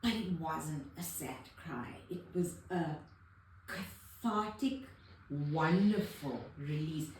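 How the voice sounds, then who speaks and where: A middle-aged woman with a low, expressive, slightly mellow voice speaks slowly in a casual conversation about her therapy journey. She rambles emotionally with many restarts. The mic is distant in a very echoey room, with a little hiss or hum.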